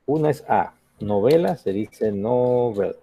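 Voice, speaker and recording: A man's voice: on the low side, unhurried, gravelly, mellow, breathy edge, dry recording, low-quality recording. A man teaching an English grammar lesson in Spanish, patiently asking the class questions and checking in with "ok?".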